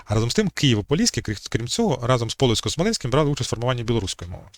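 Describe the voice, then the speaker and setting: A man's voice: medium pitch, very animated, very fast. A man giving an unscripted talk on language history as channel host, hesitating often with fillers and restarts.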